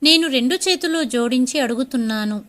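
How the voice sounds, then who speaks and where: A woman's voice: high voice, animated, fairly quick, a bit bright. A woman doing a stern, reproachful father. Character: stern, ashamed middle-aged father.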